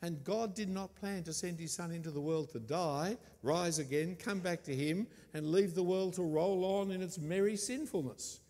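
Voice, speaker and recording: A man preaching a sermon, stressing and repeating key words with deliberate emphasis. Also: high voice, warm tone, in a large hall.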